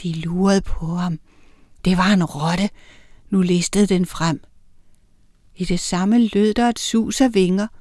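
A woman narrating a children's audiobook, reading with lively character voices. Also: medium pitch, long pauses, dry recording, studio quality.

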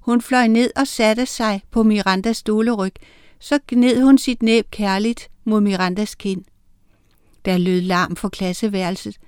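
Smooth-voiced woman reading a storybook. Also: medium pitch, dry recording, clean studio sound. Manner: lively, expressive storytelling. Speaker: narrator. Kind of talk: reading a children's story aloud.

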